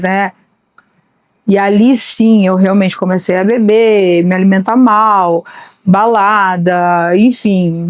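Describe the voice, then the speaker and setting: A woman's voice: medium pitch, darkish tone, no echo. A woman in her late thirties, hosting a podcast and talking candidly in a conversational monologue with frequent restarts. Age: late 30s. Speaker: podcast host. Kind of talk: personal monologue.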